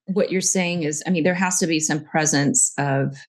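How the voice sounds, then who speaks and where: In a conversational podcast interview, the female host talks candidly and reflectively about her own life, sharing personal stories. Her voice sits low and holds a steady tone at a moderate pace.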